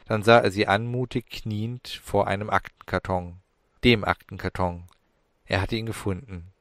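A man reading a fantasy audiobook in a measured, dramatic narration style. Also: fairly low pitch, no room sound, clean studio sound. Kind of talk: scripted storybook narration.

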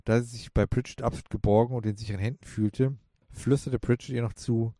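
A man narrating a fantasy audiobook in a calm, measured reading. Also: medium pitch, no room sound, studio quality. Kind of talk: scripted narration.

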